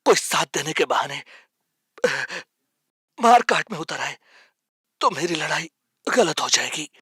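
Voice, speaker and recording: An earnest nonviolent protest leader. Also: male voice, fairly high pitch, very animated, unhurried, fairly bright tone, breathy edge, dry recording, studio quality, full character voice. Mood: earnest plea. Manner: earnest, pleading with folded hands. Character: nonviolent male protest leader, calm and principled. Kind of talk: Hindi film dialogue.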